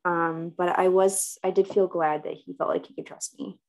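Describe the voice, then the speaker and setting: A woman's voice: fairly low pitch, steady tone, normal speed, vocal fry, darkish tone. A woman speaking as a client in a counseling role-play, talking hesitantly and with self-doubt about herself.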